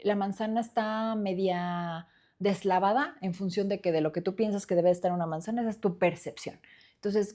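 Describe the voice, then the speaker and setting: A woman's voice: mid-range voice, dark tone. A woman, hosting a solo podcast and speaking earnestly and reflectively, with many fillers and restarts. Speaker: podcast host. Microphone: studio microphone.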